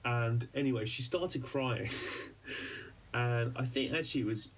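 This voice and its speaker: Heard on a distant mic, a podcast co-host and journalist speaks unhurriedly in a mid-range voice. His casual personal story wanders, full of hesitation and false starts.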